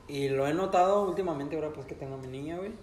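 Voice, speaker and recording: Man in loose, relaxed chat. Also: fairly high pitch, fast talker, a little hiss or hum. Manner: relaxed, says "güey" constantly. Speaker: podcast co-host. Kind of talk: casual chat. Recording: roomy room sound.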